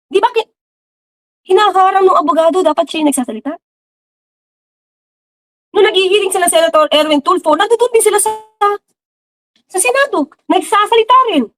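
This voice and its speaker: A woman's voice: very high voice, fairly quick, long pauses, fairly bright tone, faint music behind. A woman giving casual political commentary, talking straight to her viewers with rhetorical questions and English mixed in. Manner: mixes English into her talk.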